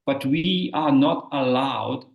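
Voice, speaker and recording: A man from Bosnia talks as an interview guest in a gravelly, fry-tinged voice. He speaks thoughtfully and haltingly, circling back and restarting his phrases. The recording sounds roomy and echoey. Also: mid-range voice, highs cut off. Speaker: guest researcher. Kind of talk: interview talk.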